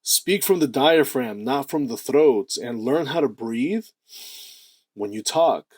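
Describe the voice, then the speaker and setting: Speaking in a deep, slightly rough voice, a man hosting self-improvement content delivers an animated motivational talk at an unhurried pace. He punches key words and draws out phrases, and there's no room sound behind him.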